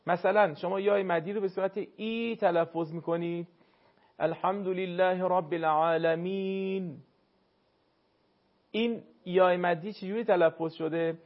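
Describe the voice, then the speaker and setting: A man teaching Quran recitation to a caller, courteous and explanatory, sounding words out slowly to demonstrate. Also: high voice, muffled recording. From northern Iran. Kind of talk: call-in recitation lesson.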